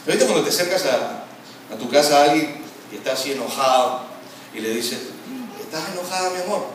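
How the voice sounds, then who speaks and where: A male pastor preaching an animated sermon with a Latin American Spanish accent, sometimes mimicking quarrelling voices. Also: mid-range voice, brisk. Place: church hall. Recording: very echoey hall, from far off, noisy.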